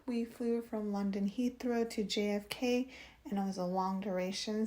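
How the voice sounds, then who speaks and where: An American woman narrates her travel vlog in an easy, enthusiastic way, now and then dropping to a whisper. Her voice sits at an ordinary middle pitch. Clear background noise from wind and outdoor spaces runs under her lines. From United States. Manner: relaxed and enthusiastic, sometimes whispering. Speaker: travel vlogger. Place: outdoors on a windy island and in an airport.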